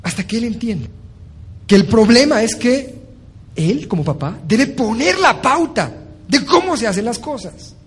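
A man giving a motivational talk, animated and acting out little scenes as he teaches. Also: very high-pitched, measured pace, slightly rough. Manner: animated, acts out stories with voices. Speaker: motivational speaker.

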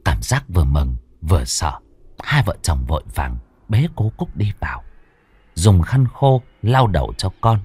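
A man's voice: deep voice, very animated, a little slow, darkish tone, breathy edge. A man narrating a ghost story in a suspenseful, vivid cadence.

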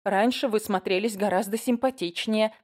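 A woman's voice: medium pitch, moderate pace, voice pushed up, natural voice. A woman voicing an eager, talkative teenage girl in an audiobook reading. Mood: fussing, chatty. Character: teenage girl, pushy and chattering.

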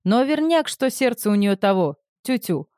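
A woman's voice: mid-range voice, very animated, normal speed, a little mellow, clean tone, no room sound, clean studio sound, voice pushed up, natural voice. A woman reading the part of a crude, dismissive man who talks in blunt slang in an audiobook. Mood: mocking.

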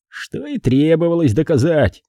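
A shrill, prickly little police officer, read by a man who shrieks his indignation in a high, husky voice. His pitch leaps about wildly, and the storybook reading sits close and dry. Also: big pitch swings, fairly quick, dark tone, no echo, exaggerated voice. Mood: indignant. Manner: prim, indignant, easily offended.

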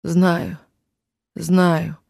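A man reading the lines of a grieving elderly factory worker, in halting, tearful speech, in a dry room. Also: fairly high pitch, little pitch movement, vocal fry, a little mellow, dry recording, exaggerated voice. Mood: anguished.

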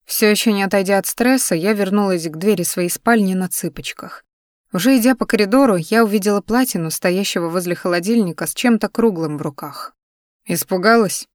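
A woman narrating a first-person story in an even, measured audiobook reading. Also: mid-range voice, no echo, clean studio sound.

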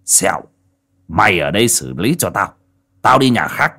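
A man voicing a cruel old landlord who barks gruff orders. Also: lowish voice, big pitch swings, normal speed, pushed and bright, full character voice. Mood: angry.

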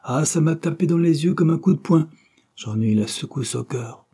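Guy reading as a despairing painter, broken passionate outbursts, husky dark voice. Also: mid-range voice, unhurried. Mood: anguished. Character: anguished male painter, despairing over his canvas.

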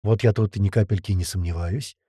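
A man voicing a seasoned fighter in an audiobook, speaking calmly and matter-of-factly. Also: low-pitched, a little fast, husky, no room sound, clean studio sound, voice pushed down. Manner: calm, matter-of-fact. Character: calm seasoned male fighter.

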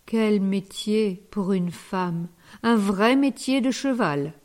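A woman's voice: mid-range voice, slow pace, darkish tone, close to an everyday voice. Woman reading as a timid old schoolmaster. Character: shy, sentimental old male school supervisor.

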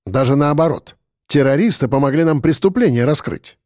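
A man reading an audiobook, voicing a tired, weary middle-aged police lieutenant colonel who speaks in an even, measured way. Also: fairly high pitch, no echo, studio quality, lightly acted.

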